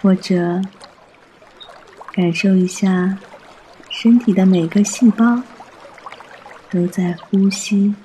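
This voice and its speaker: Man, guided meditation, soft and soothing, high-pitched, mellow, trickling water in the background. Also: steady tone, slight background noise. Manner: soft, soothing, unhurried delivery.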